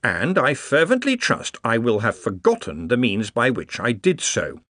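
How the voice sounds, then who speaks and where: A man voicing a grave, careful Victorian male naturalist who speaks in a slow, solemn, wooden way. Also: medium pitch, huge pitch swings, bright, forceful tone, no room sound, studio quality, heavily acted.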